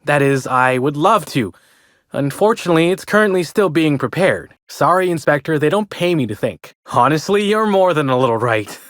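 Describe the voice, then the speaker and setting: A man's voice: fairly high pitch, expressive, normal speed, a bit bright, no room sound, clean studio sound. A man voicing a chirpy, chatty old-fashioned hotel bellhop in a video game, with a folksy American way of talking. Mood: polite, folksy. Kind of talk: video game character dialogue.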